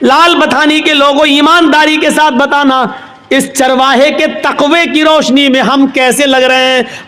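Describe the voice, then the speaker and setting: Impassioned high-voiced male preacher, echoey hall. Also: sharp tone. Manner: impassioned, acts out characters' dialogue. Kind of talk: sermon with retold story.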